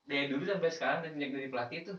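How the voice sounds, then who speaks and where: Joking guy, voice a bit high, far off in a roomy space. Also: fairly bright tone. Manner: jokey, quick to laugh and tease. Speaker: co-host. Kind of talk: casual chat. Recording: echoey dull room, distant mic.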